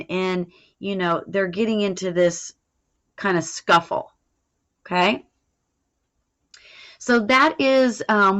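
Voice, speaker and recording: Here a female teacher explains a recorded lesson informally, pausing regularly to ask "all right?" as she goes. Her voice sits in the mid range with a slightly bright quality. The recording sounds dull and lo-fi.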